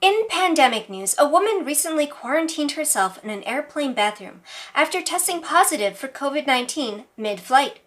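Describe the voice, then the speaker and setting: A woman's voice: sits high, big pitch swings, normal speed, a bit bright, slight background noise. A woman reading scripted mock news as a parody news anchor, with formal, emphatic delivery.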